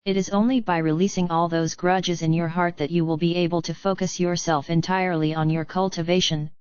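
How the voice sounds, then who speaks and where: A woman voicing a calm, powerful male demon master who speaks in an unruffled, gently commanding way, in a dry, slightly dull recording. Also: fairly low pitch, fairly quick, clean tone, dry recording, close to an everyday voice.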